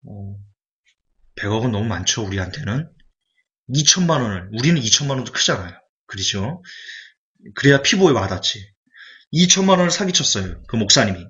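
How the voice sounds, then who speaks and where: A male evangelist preaching a sermon, animated and full of rhetorical questions to the congregation. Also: mid-range voice. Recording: dull lo-fi recording.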